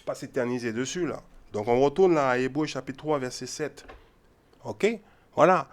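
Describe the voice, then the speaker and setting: A man's voice: mid-range voice, moderate pace, slight background noise. A man giving informal Bible teaching, repeating his points with emphasis and often checking in with his listeners. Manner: repetitive, emphatic, keeps checking in with "ok?" and "hein?".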